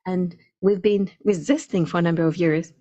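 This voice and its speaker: A woman interpreter giving a live translation voice-over of a speech, halting and restarting mid-phrase. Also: fairly low pitch, steady tone, mellow, dry recording, muffled recording.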